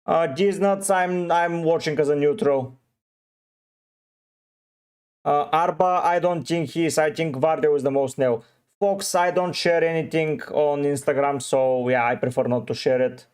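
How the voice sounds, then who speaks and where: A man's voice: a little high, unhurried, a little mellow, clean tone. Man answering livestream chat. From Bulgaria. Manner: reads out chat names and gives short, offhand answers. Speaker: fantasy football streamer.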